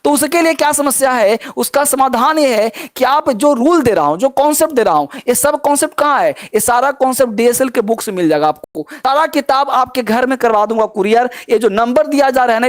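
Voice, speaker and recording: A man's voice: very high-pitched, dry recording, studio quality. A man teaching English pronunciation in a lesson, repeating points and asking his students questions to keep them attentive. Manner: repetitive, coaxing, asks students questions. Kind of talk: classroom lesson.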